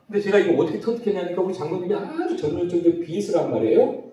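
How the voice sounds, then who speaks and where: A middle-aged man giving a humorous lecture, acting out dialogue in lively voices. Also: high voice, racing. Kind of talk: humorous lecture on personality types. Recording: very echoey hall, voice from a distance.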